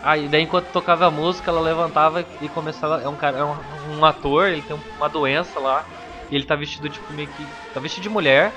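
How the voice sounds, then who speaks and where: A Brazilian man on a casual podcast, explaining things in a relaxed way. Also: a little high, fast, over music. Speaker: podcast co-host.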